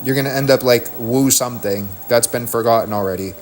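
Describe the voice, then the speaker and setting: A man's voice: medium pitch, brisk, soft background music. A man streaming from home, delivering a heated, profane, rambling rant into a desk mic. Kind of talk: ranting stream talk.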